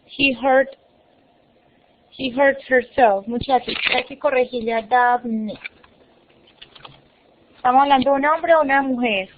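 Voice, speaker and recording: A woman teaching an English class online, explaining patiently and repeating words slowly. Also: sits high, slight background noise. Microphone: video call. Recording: muffled online call audio.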